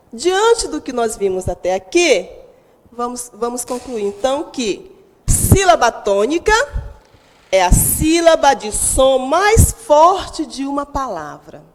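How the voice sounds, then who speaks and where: A woman's voice: a little high, big-room sound. A woman teacher with a Brazilian Portuguese accent gives a recorded lesson to sixth graders. She speaks emphatically, stretches out stressed syllables and puts questions to the pupils at home.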